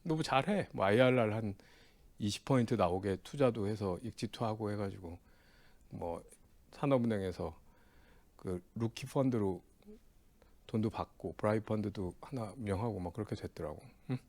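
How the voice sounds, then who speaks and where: A man's voice: fairly low pitch, moderate pace, a little mellow. A man teaching an exam prep class in a casual, chatty way, often checking in with the students and acting out old friends' banter. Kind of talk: casual lecture with personal anecdote.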